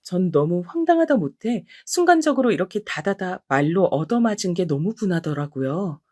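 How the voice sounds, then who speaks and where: A woman's voice: lowish voice, big pitch swings, moderate pace, a little mellow, no echo, studio quality. Indignant middle-aged woman telling her story. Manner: indignant, aggrieved. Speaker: narrator of her own story. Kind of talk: dramatized storytelling narration.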